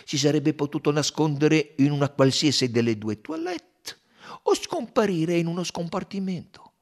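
A man voicing a fussy, measured elderly male detective in an audiobook reading. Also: fairly high pitch, very animated, darkish tone, voice pushed up. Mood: knowing. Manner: measured, knowing, explanatory.

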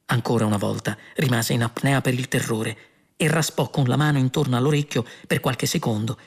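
A man narrating an audiobook in a measured, wry manner. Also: mid-range voice, steady tone, husky.

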